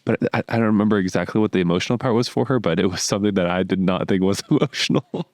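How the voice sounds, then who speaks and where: A young man with a very deep voice chats about a movie in a slangy, blunt way, pausing on fillers as he thinks. He sounds close and dry on the mic. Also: darkish tone, dry recording. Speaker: podcast co-host. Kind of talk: casual movie review chat.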